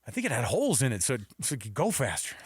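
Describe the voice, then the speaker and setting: Talking very fast in a medium-pitched, slightly rough voice, a middle-aged man hosts sports radio and trades casual, jokey stories with lively energy. A close studio mic captures him with no room sound.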